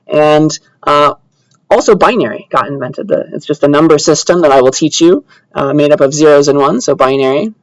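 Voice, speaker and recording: Speaking at a normal speed with a fairly high pitch, a man lectures a computer science class in a relaxed, conversational way. He keeps tossing in short check-ins such as "yeah" and "all right." The audio is rough, with no sense of the room.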